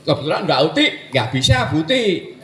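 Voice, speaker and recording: Animated older man in an echoey room. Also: a little high, fairly quick. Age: 60s. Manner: animated, slips into Javanese phrases. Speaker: dancer. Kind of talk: casual conversation.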